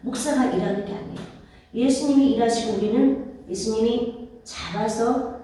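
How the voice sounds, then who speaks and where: Preaching in a church sanctuary, this woman has a fairly high, soft voice that feels warm yet dark in tone, at a normal speed. As pastor, she leans on repetition and rhetorical questions and invites the congregation's amens. The sound is very echoey and off-mic, with a little hiss or hum.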